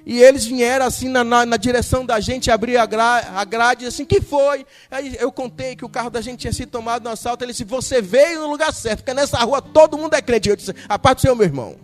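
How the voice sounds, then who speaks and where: A Brazilian pastor preaching a sermon, retelling a story with lively acted-out dialogue. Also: male voice, extremely high pitch, fast talker, few pauses, big-room sound, faint music behind. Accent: Brazilian Portuguese. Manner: animated storytelling, acting out dialogue.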